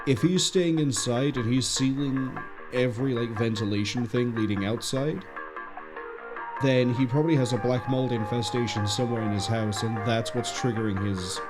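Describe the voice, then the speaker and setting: Male game streamer, medium pitch, casual thinking-aloud commentary over quiet music. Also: moderate pace. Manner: musing aloud, reading on-screen text. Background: faint music.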